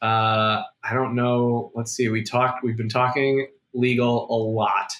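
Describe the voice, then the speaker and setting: A man's voice: mid-range voice, level tone, slow pace, fairly bright tone. A man hosting a casual business podcast, steering the chat with his co-hosts in a friendly way. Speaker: podcast host.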